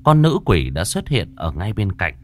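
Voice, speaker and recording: A man's voice: deep voice, big pitch swings, normal speed, slight background noise. Dramatic male ghost-story narrator.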